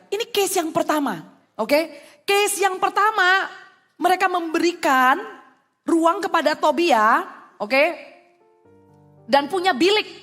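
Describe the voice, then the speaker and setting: A woman pastor giving a lively youth sermon, mixing English phrases into her talk. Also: high-pitched.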